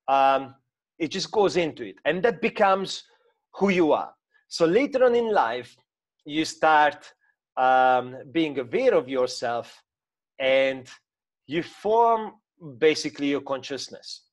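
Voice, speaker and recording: A man in his thirties speaks English with a Hungarian accent, coaching informally as he talks through a drawing on a shared screen. His voice sits a little high for a man. He hesitates often, with plenty of fillers and restarts. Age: 30s. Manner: hesitant, many fillers and restarts, non-native grammar. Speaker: mindset coach. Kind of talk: informal talk to camera with screen-share explanation.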